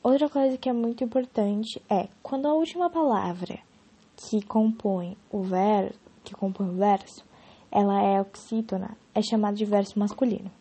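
A woman's voice: medium pitch, fairly even intonation, normal speed, mellow, slightly rough. A young woman giving an informal spoken lesson on poetry, explaining casually with frequent restarts and fillers.

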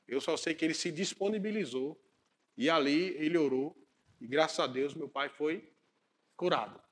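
A man preaching a sermon, telling a story and acting out its dialogue in an animated way. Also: a little high, moderate pace. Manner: animated, acts out dialogue, shouts punchlines.

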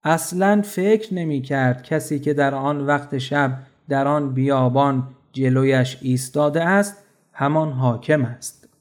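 A man narrating a children's storybook in a steady, clear storytelling manner. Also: medium pitch.

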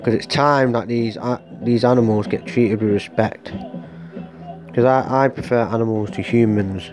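A man's voice: mid-range voice, steady tone, moderate pace. Guy ranting on his podcast, swears a lot, rambly and jokey, faint music behind. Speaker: podcast host. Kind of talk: rambling solo monologue.

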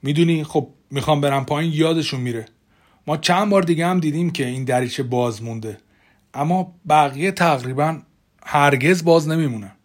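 A man voicing a calm, methodical small-town sheriff in an audiobook, matter-of-fact in his speech. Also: a little high, natural voice.

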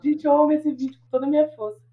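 A woman with a slightly high voice chats loosely as a podcast co-host. She is blunt and jokey, with a bit of casual swearing. The audio is dull and lo-fi. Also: very fast. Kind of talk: casual chat.

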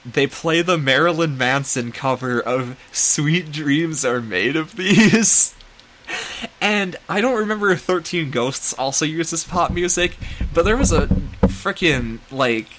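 Casual male podcast host, mid pitch, rambling recap. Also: a bit bright. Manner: rambling, digressive, self-deprecating.

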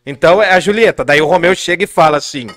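A man's voice: on the high side, fast, a bit bright. A man, chatting casually and joking at his own expense as a vlogger. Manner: joking, self-mocking. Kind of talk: casual chat.

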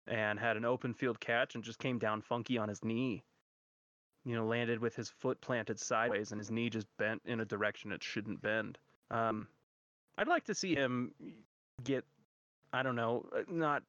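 Male co-host, halting and stammering, muffled dry lo-fi sound. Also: mid-range voice, a bit bright, no echo. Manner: hesitant, stammering restarts. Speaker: podcast co-host. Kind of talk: casual sports chat. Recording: dry, dull lo-fi audio.

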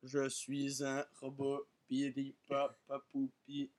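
A man's voice: medium pitch, monotone, slow pace, a little mellow, close to an everyday voice. A man voicing a stiff male robot moderator in a comic bit, with a robot voice and beeping noises. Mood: robotic. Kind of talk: comic improvised bit among friends.

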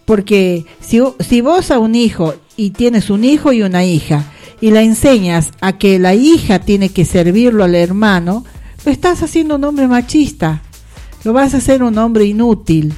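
A woman's voice: medium pitch, expressive, a little slow, mellow, soft background music. A woman hosting a radio talk show, giving her opinions in broad, sweeping appeals. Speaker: radio host.

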